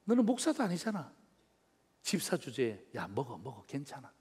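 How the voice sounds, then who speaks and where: A man voicing a scornful worldly man who mocks churchgoers and coaxes others to drink, in a lowered voice. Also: huge pitch swings, normal speed, a little mellow, husky, exaggerated voice. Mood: scornful coaxing. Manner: coaxing, sneering, lowered voice. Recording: reverberant church hall, faint music.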